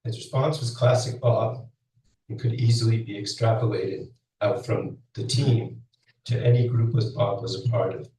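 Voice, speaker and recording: A man reading a prepared eulogy at a memorial in a measured way. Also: fairly low pitch, darkish tone, slight background noise. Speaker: speaker at a memorial, former coach. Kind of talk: prepared eulogy read aloud. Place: school hall. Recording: echoey hall, mic heard from a distance.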